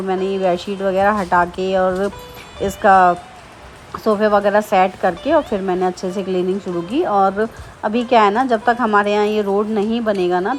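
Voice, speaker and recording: Chatty woman vlogging at home. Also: medium pitch. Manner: rambling, chatty, many fillers and restarts. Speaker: vlogger, homemaker. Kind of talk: casual daily vlog chat. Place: home during heavy rain. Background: faint rain and ambience.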